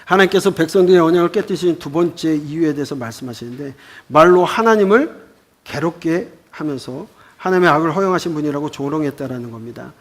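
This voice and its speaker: A man's voice: on the high side, fast. A man teaching a Bible school lecture, explaining scripture with rhetorical questions.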